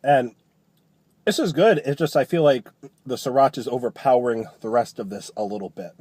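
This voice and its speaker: A man's voice: medium pitch, a little fast, a little mellow, slightly rough, no echo. Man, mid-range voice, casual food reviewer, chatty, loose rephrasing delivery, dry sound.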